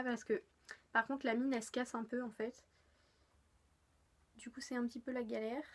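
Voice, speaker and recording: An eighteen-year-old woman from France chatting casually through a makeup haul, gushing with lots of fillers. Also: fairly high pitch. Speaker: beauty vlogger. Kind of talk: casual haul video chat.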